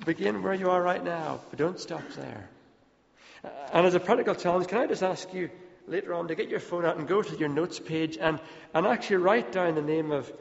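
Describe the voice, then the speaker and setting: Gravelly man preaching in a hall. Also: fairly high pitch. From Ethiopia. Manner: earnest, repeats words when pressing a point. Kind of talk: sermon. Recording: dull, long hall reverb.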